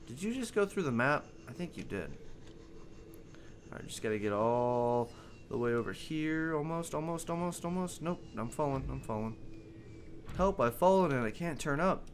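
A man's voice: on the high side, lively intonation, normal speed, slight background noise. A man giving casual gameplay commentary as host, rambling and joking, swearing often. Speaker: gaming video host.

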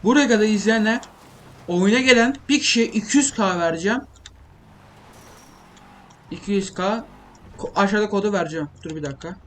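A young gaming video maker delivers rambling, think-aloud gameplay commentary in a high, slightly bright voice, talking a little fast and pausing often. The home recording is clearly noisy, with typing and keyboard clicks behind him.

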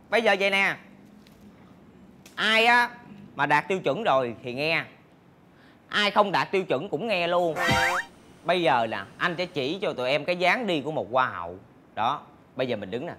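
An actor playing a flamboyant, bossy pageant walking coach who gives theatrical, sing-song instructions. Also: male voice, a little high, bright, forceful tone. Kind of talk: TV sitcom acting. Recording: music score underneath.

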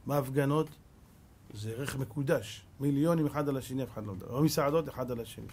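A man in his fifties, a rabbi giving a Torah sermon, preaching in an animated, scolding way with rhetorical questions. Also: mid-range voice, a little hiss or hum.

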